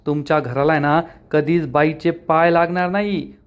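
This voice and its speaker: A man voicing a spiteful middle-aged aunt, scolding, taunting, raised pitch. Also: fairly even intonation, normal speed, clean tone, close to an everyday voice.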